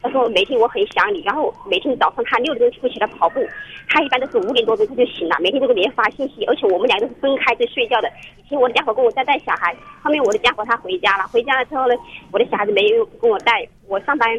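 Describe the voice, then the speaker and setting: A woman's voice: fairly high pitch, very fast, a little hiss or hum. A woman calling in to a radio counseling show, telling her story in an earnest, rambling way with many restarts, heard over a phone line. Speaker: caller. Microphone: telephone.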